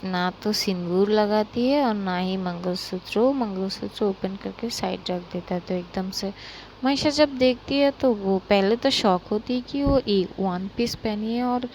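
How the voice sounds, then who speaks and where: A young woman narrating a love story in a relaxed, chatty way, full of fillers. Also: medium pitch, a little hiss or hum, poor audio.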